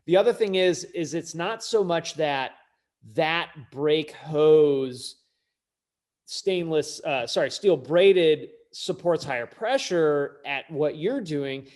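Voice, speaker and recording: A man's voice: fairly high pitch, animated, slow, a little mellow. A middle-aged man co-hosting a casual podcast chat as a mechanic, talking bluntly and emphatically, swearing freely.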